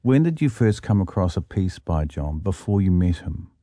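A man hosting a radio interview, asking questions in a relaxed, curious way. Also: low-pitched, moderate pace, dry recording. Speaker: radio host. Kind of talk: casual interview.

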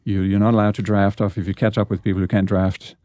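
Low, dark-voiced man. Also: fast talker, no room sound. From Denmark. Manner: relaxed, chatty, repeats words as he goes. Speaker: guest, orchestral percussionist. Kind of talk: casual radio interview chat.

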